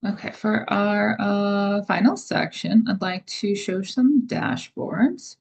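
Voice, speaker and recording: Casual woman presenting software. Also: medium pitch, takes it slowly, gravelly, breathy edge. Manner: casual, filler-heavy explaining. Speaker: product presenter. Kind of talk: webinar demo and Q&A.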